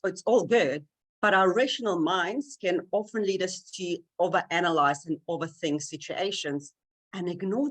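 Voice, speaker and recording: A woman speaking at a tech event, giving an earnest, animated motivational talk that addresses the audience directly. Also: lowish voice. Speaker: conference speaker. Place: event stage.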